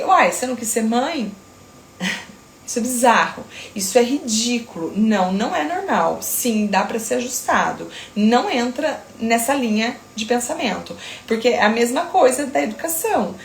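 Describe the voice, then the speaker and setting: A woman's voice: fairly high pitch, slight background noise. Firm woman in an echoey room. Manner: firm, emphatic, talks in quick asides. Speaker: infant sleep consultant. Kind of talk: casual talk to camera.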